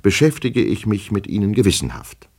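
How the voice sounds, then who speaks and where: A man's voice: lowish voice, very animated, brisk, breathy edge, voice pushed up. A man voicing a nervous, fawning official who stammers and pleads, in an audiobook reading. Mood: pleading. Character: nervous, fawning male official, anxious and flustered.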